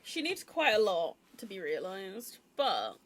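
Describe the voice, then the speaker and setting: A woman's voice: medium pitch, wildly swooping pitch, a little slow, slight background noise. A woman streaming a dating game live, chatting casually and swearing freely into a desk mic. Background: game music.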